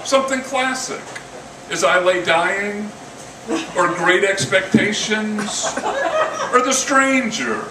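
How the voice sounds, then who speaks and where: At an indoor coffee house, an older poet reads his own work live, offering casual introductions with wry, dry humor. His high-pitched voice is animated yet slow with long pauses, picked up by a stand microphone and recorded by a distant camera, so the sound is roomy and the venue noisy.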